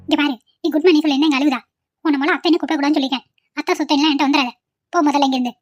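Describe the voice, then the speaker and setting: A woman voicing a domineering older mother-in-law in a cartoon, talking in a sharp, scolding way. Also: high-pitched, steady tone, rapid-fire, lo-fi sound, natural voice. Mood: scornful.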